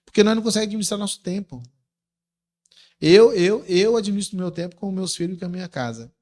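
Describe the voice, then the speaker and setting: A man with a Brazilian Portuguese accent, a podcast guest in casual chat, telling personal stories in an earnest, lively way. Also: high voice, quick pace. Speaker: podcast guest, entrepreneur and rancher.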